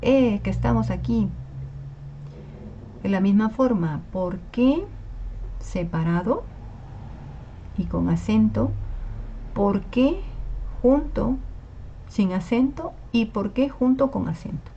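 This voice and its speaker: Woman teacher, mellow patient delivery, muffled lo-fi recording with faint background noise. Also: mid-range voice, lively intonation, slow pace, pauses often. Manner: patient, explanatory, checks in with "¿sí?". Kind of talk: online class lecture on Spanish spelling. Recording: slightly dull lo-fi recording.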